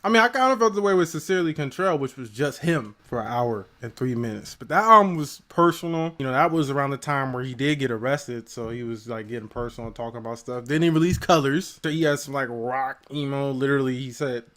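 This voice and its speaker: A man co-hosting a casual music review show, talking in an animated way that swings between loud hype and quiet mumbled asides. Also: medium pitch, fast, few pauses. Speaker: co-host of album review show.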